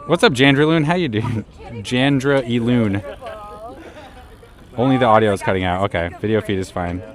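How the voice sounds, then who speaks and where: A man with a mid-range voice at normal speed live-streams from a city park, chatting straight to his viewers. His wireless clip mic keeps cutting out, so his volume rises and falls unevenly.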